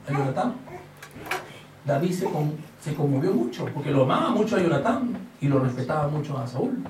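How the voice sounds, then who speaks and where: A man's voice: a little high, slight background noise. A man preaching a sermon, acting out Bible stories and asking the congregation questions. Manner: animated storytelling, acting out Bible scenes. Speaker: pastor. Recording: echoey hall, mic from a distance.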